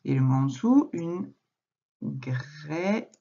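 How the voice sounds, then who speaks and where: A woman teacher recording a reading lesson for a young child at home, speaking slowly and patiently, addressing the child directly. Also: sits low, expressive, creaky, warm tone, lo-fi sound. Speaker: primary school teacher.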